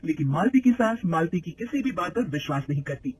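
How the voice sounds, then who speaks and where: A man narrating a scripted cartoon storybook in a plain, steady manner. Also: fairly high pitch, a little fast, husky, low-quality recording.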